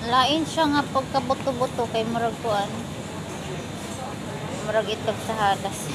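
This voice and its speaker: A high, bright-voiced woman vlogs chattily into a handheld phone, unhurried and teasing. Her voice sits over clear crowd and traffic noise in a busy mall and out in a park. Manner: chatty, teasing, mixes English in. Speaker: vlogger. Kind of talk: casual travel vlog. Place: busy indoor mall, then outdoor park. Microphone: phone camera at arm's length. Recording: noisy public space.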